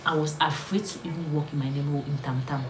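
Woman telling a storytime, hushed. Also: low-pitched, fairly even intonation, fast talker, a little hiss or hum. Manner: earnest, often dropping to a hushed whisper. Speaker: vlogger. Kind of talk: storytime vlog. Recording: roomy echo, faint ambience.

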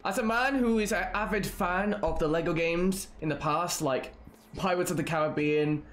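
A man's voice: sits high, normal speed, fairly bright tone. A Scottish man in his twenties giving casual, sweary, rambling live gameplay commentary. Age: 20s. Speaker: game streamer.

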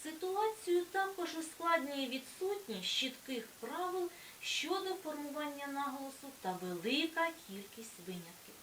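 A woman teacher explaining a school lesson and pronouncing example words clearly with emphasis. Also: high voice, expressive, a little slow, few pauses, fairly bright tone. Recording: echoey room from far off, faint hiss.

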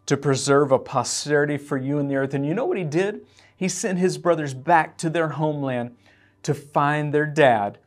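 A pastor preaching an earnest, emotional sermon and reading scripture aloud. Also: male voice, mid-range voice. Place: church.

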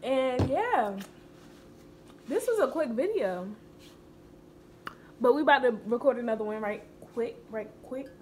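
A woman's voice: high voice, expressive, unhurried, pauses often, a little mellow. A young woman hosting her own video channel in casual, playful chat. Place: home kitchen, indoors. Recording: clear room noise.

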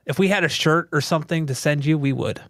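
A man's voice: a little high, quick pace, a bit bright, dry recording, studio quality. Easygoing man explaining home theater gear. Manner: easygoing, explanatory, many fillers. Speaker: podcast and livestream host. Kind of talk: casual tech chat.

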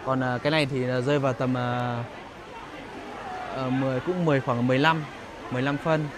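A man's voice: medium pitch, fairly even intonation, fairly quick, crowd noise. A man giving casual, hesitant walking-tour commentary as a vlog host, searching for words at an outdoor market. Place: busy outdoor market and street. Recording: noisy outdoor market ambience.

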